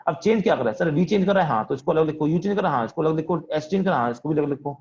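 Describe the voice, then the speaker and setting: A man's voice: fairly high pitch, expressive, racing, a little mellow, dull audio, a little hiss or hum. A man teaching physics in an online class, asking questions and answering them in a student's voice, calling on students by name. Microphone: video call.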